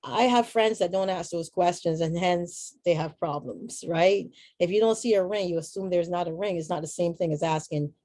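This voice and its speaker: A woman's voice: fairly low pitch, moderate pace, few pauses, warm tone, no room sound. A middle-aged woman from Barbados, giving an earnest, reflective inspirational talk with chatty asides. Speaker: motivational speaker.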